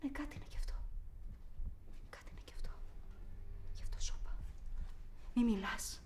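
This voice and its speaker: A woman's voice: darkish tone, natural voice. An actress performing a theatrical monologue as a young woman haunted by childhood abuse, repeating words obsessively and swinging between whispers and outbursts. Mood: hushed, haunted. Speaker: actor.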